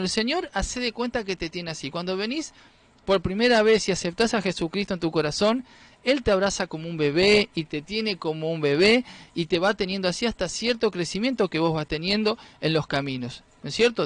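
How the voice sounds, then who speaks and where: Man preaching, Rioplatense accent, high voice. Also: fairly bright tone, no room sound. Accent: Rioplatense Spanish. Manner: conversational, many fillers and tag questions. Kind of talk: informal sermon.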